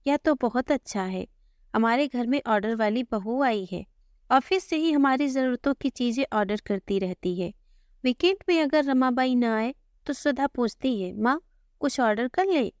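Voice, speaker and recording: A woman narrating a first-person family story in a gentle, conversational way, voicing the dialogue in her own tone. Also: a little high, expressive, moderate pace, clear, resonant tone, no room sound, studio quality.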